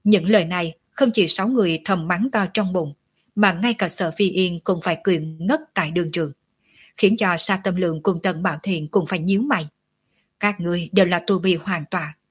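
A woman narrating a martial arts novel audiobook in a steady storytelling manner. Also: fairly low pitch, slightly rough.

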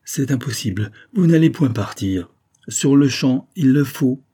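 A man's voice: medium pitch, lively intonation, a little slow, mellow, breathy edge, pitched above the performer's own voice. A man voicing a passionate young man in love in an audiobook, pleading and ardent. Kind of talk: audiobook reading.

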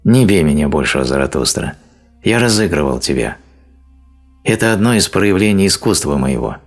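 A man's voice: low-pitched, sing-song, moderate pace, faint music behind, heavily acted. A man reading as an old lying sorcerer, wailing. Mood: sly. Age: older. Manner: wailing, pleading declamation. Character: old male sorcerer, lying, self-pitying, theatrical. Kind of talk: audiobook reading.

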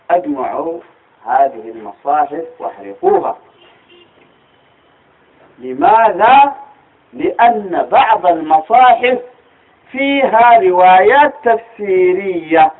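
Speaking in a husky, fairly high voice with a Sudanese Arabic accent, a teacher of Quranic studies lectures on religion with great animation. He explains patiently and often stops to put rhetorical questions to his audience, over thin, phone-like sound.

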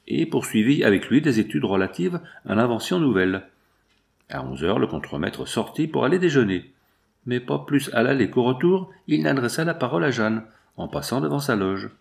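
Male audiobook narrator; gravelly, lively intonation, measured delivery. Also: mid-range voice.

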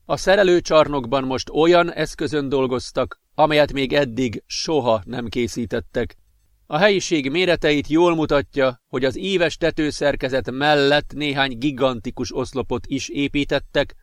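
A man reading an audiobook as narrator in a steady, measured voice. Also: medium pitch, no room sound, studio quality. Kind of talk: scripted narration.

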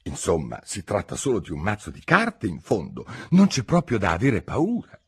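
A man's voice: lowish voice, wildly swooping pitch, normal speed, slightly rough, exaggerated voice. A man voicing a polite but bold young girl in a storybook. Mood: musing. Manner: prim, then firm.

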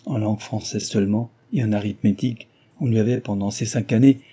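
A man's voice: fairly low pitch, husky. A man steadily reading a classic novel aloud as narrator. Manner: steady and measured. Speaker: audiobook narrator.

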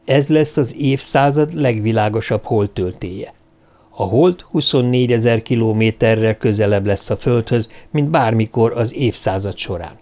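A man voicing a calm, probing man in an audiobook, talking in a casual, even way. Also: medium pitch, close to an everyday voice.

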